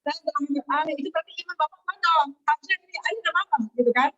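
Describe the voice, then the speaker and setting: Woman guest, high voice, animated storyteller, distant lo-fi webinar audio. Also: fast talker. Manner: animated, acts out quoted voices. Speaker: guest telling her success story. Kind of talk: casual storytelling.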